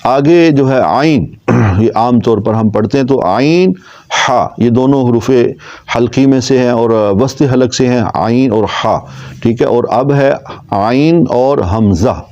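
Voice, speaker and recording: A patient male tajweed teacher with a mellow, warm tone who draws out each letter sound slowly so learners can copy it. The recording sounds slightly dull and lo-fi. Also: medium pitch. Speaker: Quran recitation teacher. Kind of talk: tajweed lesson.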